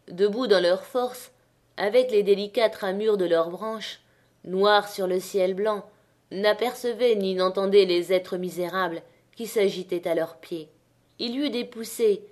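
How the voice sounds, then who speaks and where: A woman with a medium-pitched voice narrates a classic novel aloud for an audiobook, measured and expressive.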